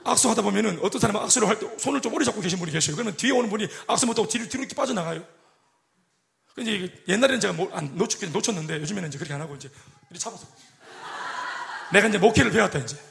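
Fast, animated Korean male pastor. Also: high-pitched, creaky. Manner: animated, acts out quoted voices and jokes with the congregation. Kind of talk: sermon.

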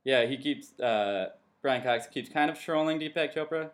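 A man hosting a casual podcast, rambling and often trailing off into quiet mumbles. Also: medium pitch, moderate pace. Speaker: podcast host.

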